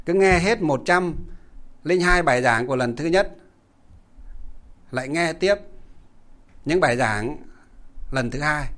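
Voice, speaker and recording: A man's voice: a little high, fairly bright tone. A man, a Buddhist monk, giving a dharma talk to lay followers, posing rhetorical questions and answering them himself in an earnest, repetitive, instructive way.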